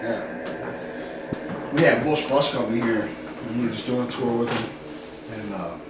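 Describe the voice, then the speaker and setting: A man's voice: mid-range voice, unhurried. A man guiding a tour of an old house, telling ghost stories in a loose, chatty way and swearing freely. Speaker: guide at a historic house. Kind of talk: casual storytelling on a ghost tour. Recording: echoey room, distant mic, noisy.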